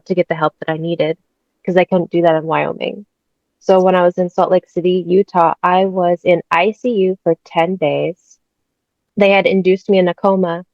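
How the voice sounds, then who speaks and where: An American woman in her thirties, appearing as a guest, tells her personal story in a candid, chatty way and laughs often. Her voice is on the low side, and the recording sounds dull and dry.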